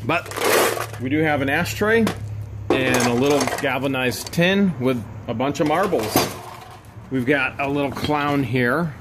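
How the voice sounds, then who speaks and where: A man narrating as he digs through boxes from a bought storage unit, casual and chatty, breaking into excited high exclamations over finds. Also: measured pace, heavy background noise. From United States. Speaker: storage unit reseller vlogger.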